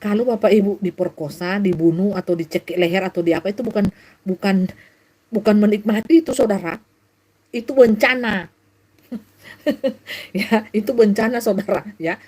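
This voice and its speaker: A woman's voice: medium pitch, normal speed, a little mellow, rough recording. A middle-aged woman preaching to viewers on a live stream, lecturing them directly and breaking into frequent laughter. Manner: laughs often, bursts of acted shrieks. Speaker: self-styled prophet preacher.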